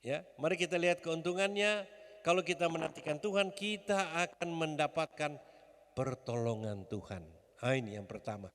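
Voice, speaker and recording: A man's voice: a little high, moderate pace, fairly bright tone. A man preaching a sermon as pastor, emphatic and rousing, leading the congregation to call back. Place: church hall. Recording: long church reverb.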